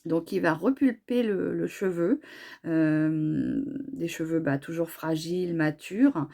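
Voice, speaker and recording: Woman, middle-aged, hoarse from a cold, gravelly, dark tone, chatty, hesitant, casual vlog talk. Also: low voice, slow. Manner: chatty, hesitant, many fillers and restarts. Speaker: beauty vlogger. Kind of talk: casual product review.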